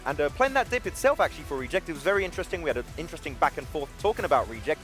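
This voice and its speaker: A man on an esports analyst desk, giving energetic, quick tactical breakdowns in a broadcast studio. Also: on the high side, soft background music.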